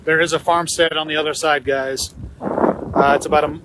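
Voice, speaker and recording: Loud wind batters the microphone as a man speaks in a high-pitched voice. He gives live storm-chasing commentary from open country. His delivery is urgent and excited. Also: moderate pace. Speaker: storm chaser.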